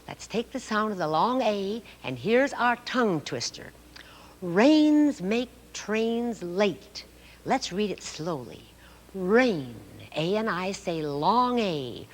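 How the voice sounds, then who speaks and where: A woman teaching children phonics on a television course, speaking in a slow, carefully enunciated sing-song way, on an old 1960s TV recording. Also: medium pitch, big-room sound.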